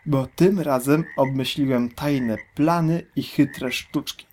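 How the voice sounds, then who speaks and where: Man putting on a huge gloating storybook crocodile, loud, greedy, slow and drawn out. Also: medium pitch, a little hiss or hum, lightly acted. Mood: greedy boastful.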